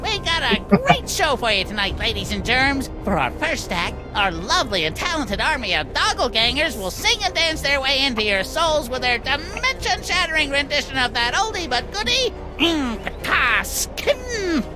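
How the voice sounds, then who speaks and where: Squeaky, evil ventriloquist dummy showman. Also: very animated, moderate pace, few pauses, music in the background, rough recording. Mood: showman menace. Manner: squeaky ventriloquist-dummy voice, theatrical emcee patter. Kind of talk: cartoon video game acting.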